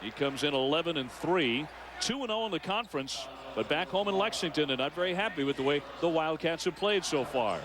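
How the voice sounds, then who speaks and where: A man's voice: fairly high pitch, expressive, a little fast. A man calling a live basketball game as the play-by-play announcer, in a commentary style. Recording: loud basketball arena noise behind. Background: gym crowd ambience and bouncing basketball.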